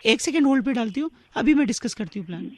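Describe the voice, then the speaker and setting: A man's voice: very high voice, lively intonation, racing, a crowd in the background. A man voicing a pushy, prim female call-centre agent who scolds and insists. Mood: scolding.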